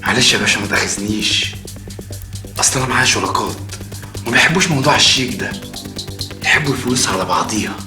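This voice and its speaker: Brief: actor for a wheedling Egyptian middleman, low and rushed, heard distant. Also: lightly acted. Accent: Egyptian Arabic. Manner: deferential, wheedling. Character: fawning Egyptian man, a go-between for stolen gold. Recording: distant, roomy, music underneath.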